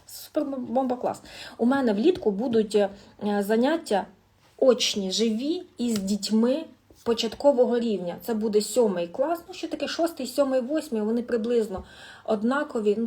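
A woman language teacher giving a chatty live-stream lesson, talking lively to her viewers with affectionate asides and thinking aloud as she goes. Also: a little high.

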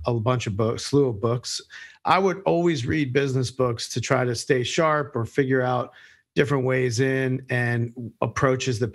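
A middle-aged man answers interview questions in a mid-range voice, steady and explanatory. He talks like an executive, often pausing on fillers and restarting his sentences. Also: medium pitch. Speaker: guest, agency chief executive.

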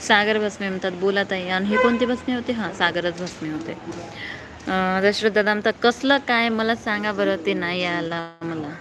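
Young woman reading viewer comments on a phone live stream outdoors; clear traffic and street noise. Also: mid-range voice, normal speed. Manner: reads comments aloud and answers viewers. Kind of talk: casual live-stream chat. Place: outdoors below a housing block at night.

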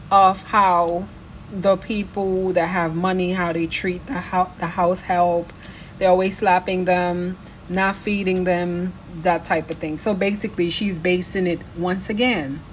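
A woman's voice: fairly low pitch, a little hiss or hum. A Jamaican woman giving chatty reaction commentary on a video, teasing and slipping into patois. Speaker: reaction vlogger.

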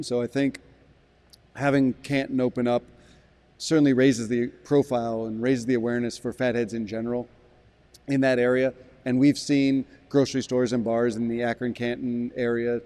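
40s guy, sales director at a brewery, mellow voice, talks careful and restarts a lot. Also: medium pitch. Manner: measured, thoughtful, frequent restarts. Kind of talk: business interview. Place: brewery barrel room, indoors.

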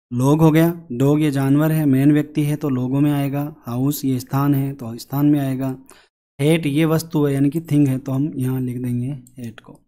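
A man's voice: mid-range voice, dark tone. A male teacher explaining an online worksheet lesson step by step, asking and answering his own questions. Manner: slowly sings a children's rhyme line by line. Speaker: English teacher.

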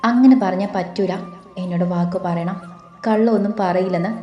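A woman reading the lines of a tender, tearful young wife in a romantic audiobook, in a soft, hushed way. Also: medium pitch, moderate pace, muffled recording, close to an everyday voice. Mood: pleading. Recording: roomy with faint music.

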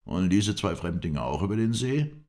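A man's voice: low-pitched, lively intonation, moderate pace, darkish tone, pitched above the performer's own voice. A man voicing a bitter, scheming male Bedouin guide who speaks in a resentful, accusing way in an audiobook reading. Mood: questioning.

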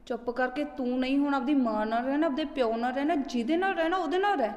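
An actress playing a resentful young pregnant wife who snaps and scolds defiantly. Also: female voice, high-pitched, fast, darkish tone, echoey room, in a large hall, lightly acted. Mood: angry. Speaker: daughter-in-law.

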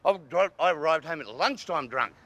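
A man in a heated outdoor confrontation, defiant and shouting angrily at a reporter. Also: on the high side, expressive, normal speed, dull audio. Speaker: person of interest confronted by a reporter.

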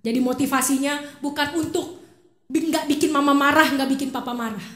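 Woman pastor, high voice, chatty animated sermon, echoey church hall. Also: fairly quick. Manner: conversational, animated storytelling with laughs.

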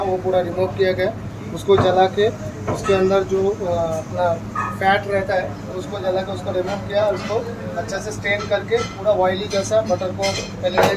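A young male chef walks through a recipe step by step in a restaurant kitchen, his fairly high voice staying flat and even. He sounds set back from the phone mic. Pots and dishes clatter loudly all around him. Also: far from the mic, very noisy. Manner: plain step-by-step explaining, unhurried. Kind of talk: cooking demonstration.

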